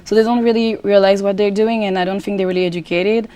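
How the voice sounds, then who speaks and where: Her voice is medium-pitched and dark-toned, with fairly even intonation and a French accent. She is a young adult pageant contestant from the Democratic Republic of Congo, a student guest in a relaxed interview, answering earnestly in a halting way full of restarts.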